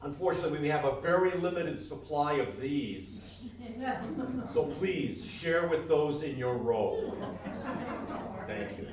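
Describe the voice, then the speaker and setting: On a live stage in a hall, a man who co-hosts and performs on a comedy radio show delivers scripted banter as a mock-grand showman announcer. He speaks high, at a measured pace with frequent pauses, picked up by a distant mic amid heavy echo and faint noise.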